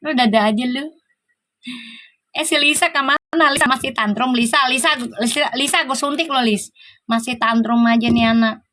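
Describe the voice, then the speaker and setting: A woman's voice: high-pitched, normal speed, bright, forceful tone. A middle-aged woman with a Sundanese-flavored Jakarta accent, hosting a live-stream and chatting with viewers in a teasing, laughing, playful way. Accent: Sundanese-flavored Jakarta Indonesian. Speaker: live-stream tarot host.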